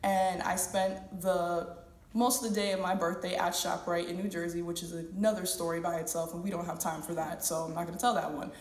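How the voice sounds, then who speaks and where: A student speaker in her 20s tells a personal story on stage in a university event hall, candid and funny, quoting others in playful voices. Her voice is fairly low, level and brisk, and the mic sits at a distance in an echoey room.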